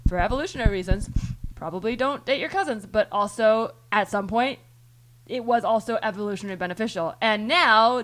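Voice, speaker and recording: A woman's voice: mid-range voice, fairly bright tone. A woman hosting a podcast, thinking aloud in long rambling turns full of restarts and the odd swear word. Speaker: podcast host. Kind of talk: casual chat.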